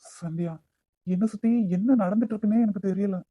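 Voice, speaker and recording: A man voicing a troubled young man in an animated story. He speaks with a Nagercoil Tamil accent and talks in a blunt, stern way. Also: brisk, no echo, muffled recording. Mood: despairing. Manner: blunt, stern, then low and despairing. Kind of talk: cartoon voice acting.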